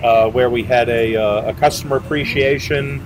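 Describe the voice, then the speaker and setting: A man's voice: medium pitch, fairly even intonation, moderate pace. A middle-aged man representing a boat maker, answering interview questions casually and rambling with many fillers and restarts, seated outdoors beside a boat. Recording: outdoor noise behind.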